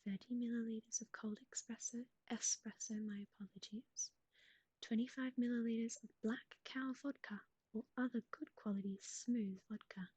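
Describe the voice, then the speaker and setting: A woman whispering recipes in a soft ASMR style, close to the mic, with gentle asides to a pet. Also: fairly high pitch, slightly rough, no room sound, poor audio. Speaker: ASMR streamer.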